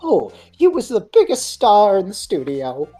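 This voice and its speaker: Woman doing a gruff old security guard. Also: mid-range voice, huge pitch swings, a little slow, dark tone, voice pushed up. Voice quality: strained, gravelly put-on voice. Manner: slangy, drawling old-timer speech.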